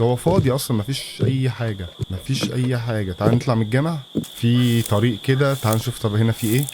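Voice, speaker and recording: A man with an Egyptian Arabic accent and a medium-pitched voice plays a horror game for his channel. He's jumpy and mutters nervously to himself, with background noise behind him.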